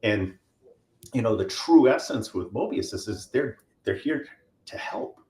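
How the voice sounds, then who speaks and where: A middle-aged man talking casually as a podcast guest, lively and full of ums, acting out quoted dialogue. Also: fairly low pitch, unhurried, reverberant. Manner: animated, acts out quoted dialogue with many fillers. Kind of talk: casual interview talk.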